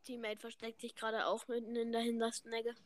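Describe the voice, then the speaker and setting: A young woman co-hosting a casual podcast while gaming, excitable and shrieking at the game. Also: on the high side, brisk. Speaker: podcast co-host.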